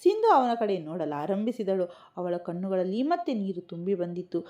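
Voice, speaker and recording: Mellow woman narrating a family story. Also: medium pitch, big pitch swings, normal speed, muffled recording.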